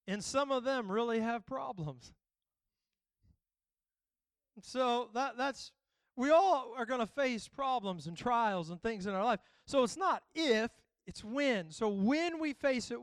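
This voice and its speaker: High-voiced, clear preaching man. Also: no room sound. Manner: humorous, storytelling, preacherly. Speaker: pastor. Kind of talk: sermon.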